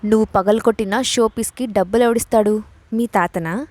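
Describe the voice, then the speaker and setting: A woman's voice: medium pitch, moderate pace, a little mellow, dry recording, close to an everyday voice. A woman reading the part of a bold young woman boss in an audio story, with a mocking, commanding way of talking. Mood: taunting.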